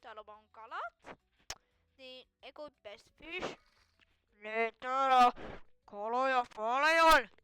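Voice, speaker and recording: A woman's voice: high voice, pushed and bright, low-quality recording. A woman giving casual, rambling gameplay commentary, thinking aloud as she plays. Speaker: gamer.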